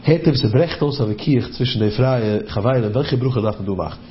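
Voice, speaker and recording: A man telling a story in a lively way, acting out the voices of the people he quotes. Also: mid-range voice, normal speed, muffled recording, noisy background. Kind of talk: animated storytelling.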